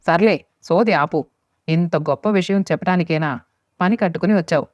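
A woman's voice: on the low side, normal speed, darkish tone, no room sound, close to an everyday voice. A woman voicing a weary, irritated husband. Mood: exasperated. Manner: exasperated, curt. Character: weary middle-aged husband, irritated, newspaper-reading. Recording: dry, slightly muffled lo-fi recording.

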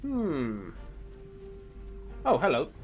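A man's voice: a little high, wildly swooping pitch, extremely slow, faint music behind. A man casually commenting on his gameplay with dry, wry asides. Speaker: let's play host.

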